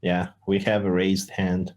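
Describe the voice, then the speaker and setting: A man's voice: low-pitched, completely flat delivery, unhurried, a little mellow. A man with an Italian accent hosting a casual community Q&A over a voice call, talking easily with frequent "uh" fillers. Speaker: project founder hosting a community Q&A. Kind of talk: casual voice-chat Q&A.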